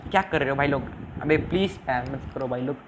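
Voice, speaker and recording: A man's voice: mid-range voice, fast, background noise. A young man hosting a casual live game stream, reading viewer comments aloud, mixing English into Hindi and often pleading for subscribers. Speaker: live-stream gaming host.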